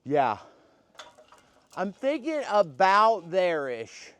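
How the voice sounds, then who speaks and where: A man's voice: sits high, extremely slow, no echo. A man hosting a shop vlog, joking and laughing with his crew while he directs the work. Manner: jokey, laughing, excitable. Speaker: vlog host working with a crew. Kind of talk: casual shop talk. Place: shop and yard, outdoors at times. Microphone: worn mic he is unsure picks him up.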